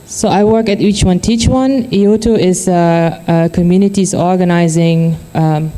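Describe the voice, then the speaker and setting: A woman's voice: on the low side, steady tone, unhurried, warm tone. A woman who grew up in Germany, presenting a research project at a conference, with many fillers and restarts. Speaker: conference panel speaker.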